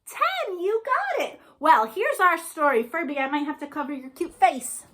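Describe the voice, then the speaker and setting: With a very high, very animated voice that sounds pushed and bright, a librarian leads a children's storytime at normal speed. She reads aloud and chats in a sing-song way, encouraging the kids with questions and praise.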